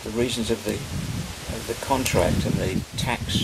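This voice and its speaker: An older man with a gravelly, lowish voice reminisces casually in an interview about his film career, rambling, halting, and searching for names. He sits on a rural porch, picked up by a camera mic at medium distance amid loud outdoor noise.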